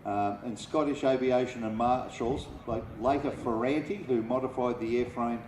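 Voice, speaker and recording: A man giving live airshow commentary on aircraft history in a measured, informative way, pausing between phrases, over an outdoor loudspeaker system. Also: medium pitch, steady tone. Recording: echoey distant PA, loud engine noise. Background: aircraft and vehicle noise, outdoor ambience.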